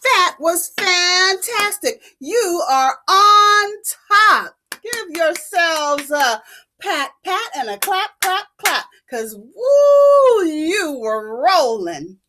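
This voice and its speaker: A woman's voice: very high voice, very animated, drawn-out words, bright, forceful tone, a little hiss or hum, full character voice. A woman playing an overbright, exclamatory children's show host with a cheery, sing-song delivery. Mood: bubbly, encouraging. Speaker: children's show host teaching letter sounds.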